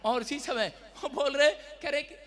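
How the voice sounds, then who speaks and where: A man preaching a fervent sermon, moving between quiet storytelling and loud shouting, calling on the audience to respond. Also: very high voice, moderate pace.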